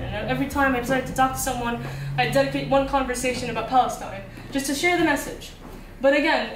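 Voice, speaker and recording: High-voiced young woman reciting poetry. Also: noisy background. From Qatar. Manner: conversational intro, then rhythmic repeated-line recitation. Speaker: spoken word poet. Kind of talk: spoken word poetry reading. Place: small cafe performance space, indoors. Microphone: handheld mic, filmed by a far camera. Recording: roomy, distant camera recording.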